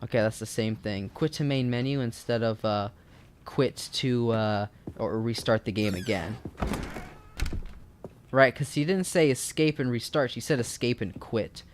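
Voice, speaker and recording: A man's voice: medium pitch, unhurried. A young man playing a video game, goofy and talking back to the game's narrator, laughing often. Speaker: gaming YouTuber. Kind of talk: casual let's-play commentary.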